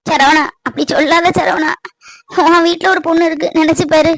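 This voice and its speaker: A woman's voice: extremely high pitch, steady tone, moderate pace, creaky. A woman voicing an anxious middle-aged village mother, earnestly pleading with her nephew in a cartoon. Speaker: voice actor. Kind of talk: cartoon voice acting.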